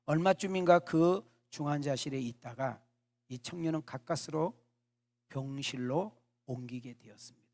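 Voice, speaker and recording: A man's voice: fairly high pitch, darkish tone. A male pastor telling a story in a sermon, with dramatic storytelling that addresses the congregation directly.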